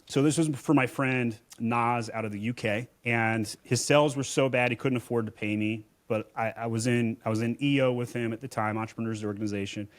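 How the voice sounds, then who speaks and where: Man, podcast guest, Amazon seller, blunt, emphatic, casual storyteller, mid-pitched voice. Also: fairly even intonation, fairly quick, hardly any pauses.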